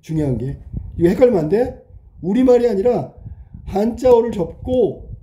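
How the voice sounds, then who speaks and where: Man, teacher, classroom lecture, keeps asking if students follow, somewhat high pitch. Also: very animated, moderate pace, warm tone, highs cut off, a little hiss or hum. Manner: questioning, checks understanding often. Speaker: Korean language teacher. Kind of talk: classroom lecture, explaining while writing.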